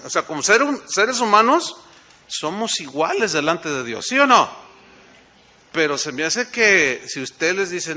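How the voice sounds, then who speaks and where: A man preaching a sermon with a Mexican accent, telling a lively personal story and often checking in with his listeners through questions. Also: high-pitched. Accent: Mexican Spanish. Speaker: pastor.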